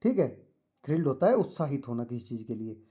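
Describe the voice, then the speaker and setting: A man teaching a school English lesson to children, reading the English text slowly and explaining it patiently with many repetitions. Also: medium pitch, sing-song, mellow, husky. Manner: mixes English and Hindi, reads English slowly then explains.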